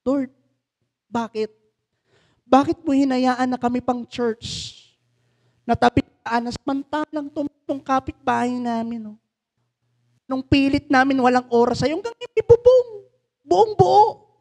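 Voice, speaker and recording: A man's voice: steady tone, measured pace, pauses often. A man in his thirties with a Filipino accent, preaching a sermon and telling a personal story with strong swings of feeling. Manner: emotional storytelling, pitch swings, mixing English into Tagalog. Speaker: pastor.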